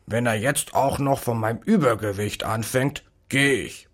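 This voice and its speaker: A man's voice: mid-range voice, normal speed, a bit bright, natural voice. A man doing a grumbling, anxious dog.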